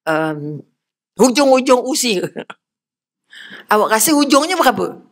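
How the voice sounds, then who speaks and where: An older woman with a Malaysian Malay accent giving a lively religious lecture, often putting questions to her audience. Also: fairly high pitch, a little slow. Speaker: religious speaker.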